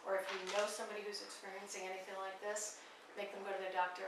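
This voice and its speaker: A woman's voice: mid-range voice, level tone, very fast. A woman in her forties, a radio guest making an earnest, urgent appeal in a passionate way. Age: 40s. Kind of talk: impassioned awareness appeal. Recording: echoey room from far off, faint noise.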